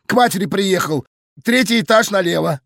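A man's voice: sits high, animated, normal speed, vocal fry, a bit bright, dry recording, clean studio sound, pitched above the performer's own voice, heavily acted. Man doing pleading drunk street crooks. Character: drunk, cowering petty male crooks.

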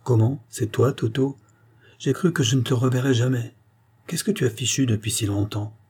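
A man voicing a boisterous old former clown who runs a gym, hearty and loud. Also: mid-range voice, normal speed, husky, natural voice.

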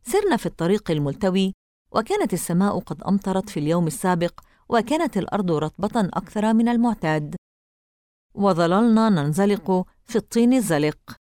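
A woman narrating an audiobook novel in an expressive, measured reading. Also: medium pitch, no room sound, studio quality.

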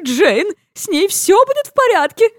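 A woman voicing a fretful older woman with a thin, high voice. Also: sing-song, moderate pace, dry recording, studio quality.

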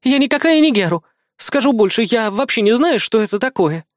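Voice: medium pitch, expressive, a little fast, dry recording, clean studio sound, voice pushed up, natural voice. A reader voicing a tough young female agent in an audiobook, curt and commanding, with a mocking edge. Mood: stern, sarcastic. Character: tough young woman agent, stern and sarcastic.

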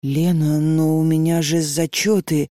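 A woman's voice: low-pitched, level tone, measured pace, dark tone, no echo, clean studio sound, soft background music. A woman reading an audiobook and voicing a sleepy, puzzled young female student who answers hesitantly. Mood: reluctant. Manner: hesitant, bewildered.

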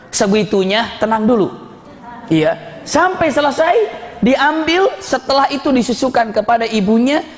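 A man, preaching a Ramadan talk with animated storytelling and jokes with the audience. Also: sits high. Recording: long hall reverb.

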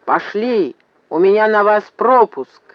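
A hoarse, frantic middle-aged man yells impatiently over the noise, as a male reader puts him on. His pitch rides high and his throat sounds strained. The sound is dry and slightly dull. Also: lively intonation, a little slow, dry recording. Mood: urgent. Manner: yelling, impatient. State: hoarse from shouting. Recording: slightly muffled dry recording.

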